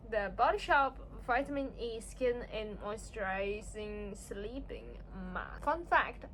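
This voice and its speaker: Her voice is highish, slow, and fairly bright, and the audio is poor. She's a young beauty vlogger with Cantonese as her first language, chatting self-deprecatingly in a casual get-ready-with-me skincare video filmed at home.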